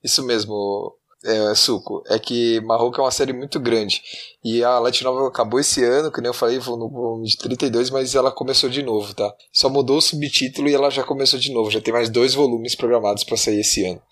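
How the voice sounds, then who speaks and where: A Brazilian man with a medium-pitched voice. He speaks as a podcast co-host in a casual, slangy way, explaining things to listeners as if among friends. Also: fairly even intonation, a little fast, a bit bright. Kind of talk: casual podcast chat, reading and answering comments.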